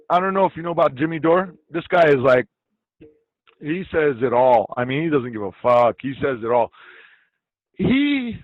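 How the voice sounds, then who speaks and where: A man's voice: a little high, no room sound. A man from Iraq, an interview guest, talking bluntly and swearing freely. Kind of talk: casual interview talk. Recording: dull lo-fi dry sound.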